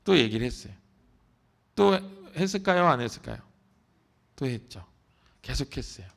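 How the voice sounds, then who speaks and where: A man's voice: medium pitch, very animated, normal speed, gravelly. A male pastor preaching at an early-morning prayer service, telling a story and asking the congregation questions. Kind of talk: sermon. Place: church.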